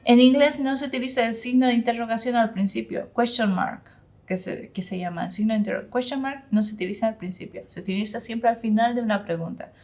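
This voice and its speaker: Lady teaching english online, slow careful example phrases, lots of ehs. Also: fairly even intonation, darkish tone. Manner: explains in Spanish, models English phrases slowly with rising pitch; hesitant, searches for words with many fillers. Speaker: English instructor. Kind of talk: informal online language lesson.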